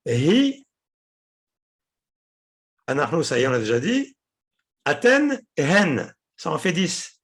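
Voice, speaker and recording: A man teaching a class, explaining patiently, repeating words and pausing often with hesitations. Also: fairly high pitch, gravelly, fairly bright tone. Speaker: Hebrew teacher.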